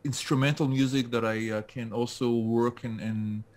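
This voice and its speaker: Hesitating and restarting often, this man from France appears as a LinkedIn specialist on a casual interview held over a call. His mid-range voice is steady and darkish, at a moderate pace.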